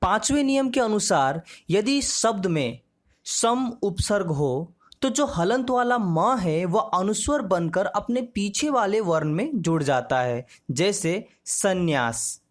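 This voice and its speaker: A woman teaching a grammar lesson, slow and measured, drawing out each example word. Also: medium pitch, animated.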